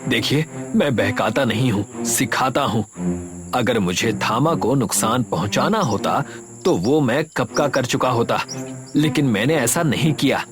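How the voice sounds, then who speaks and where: A man voicing a gentle, patient doctor. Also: medium pitch, expressive, measured pace, close to an everyday voice. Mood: pleading. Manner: gentle, reasoning, reassuring. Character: kind, patient village doctor. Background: background music.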